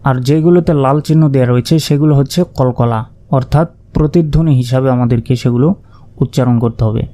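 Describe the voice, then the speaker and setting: A man teaching Quran recitation, slowly spelling out Arabic letters and vowel marks one by one and now and then chanting verses with stretched-out sounds. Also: medium pitch, warm tone.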